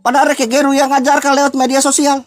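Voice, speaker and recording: A man's voice: very high-pitched, flat delivery, fast talker. An older man from Indonesia in an angry, repetitive rant, scolding and preaching.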